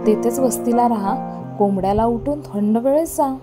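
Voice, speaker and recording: A woman reading an audiobook voices an elderly village woman who earnestly warns a traveler against setting out at dusk, with soft music behind. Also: fairly high pitch, normal speed, voice pushed up, lightly acted. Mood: urgent warning.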